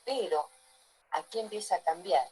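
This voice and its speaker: Woman teacher giving a class lecture, lowish voice, keeps checking the students follow along. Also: normal speed, mellow, a little hiss or hum, low-quality recording. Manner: asks the class frequent check-in questions.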